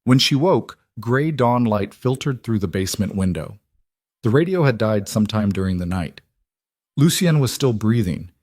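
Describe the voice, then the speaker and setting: A man narrating a scripted audiobook romance story in a measured, dramatic storytelling manner. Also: lowish voice, expressive, a little mellow, dry recording, studio quality.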